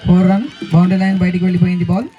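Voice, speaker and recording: A man's voice: high-pitched, little pitch movement, racing, lo-fi sound. A man giving live play-by-play cricket commentary as the commentator at a local ground. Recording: outdoor crowd noise, open-air ambience. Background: crowd and outdoor noise.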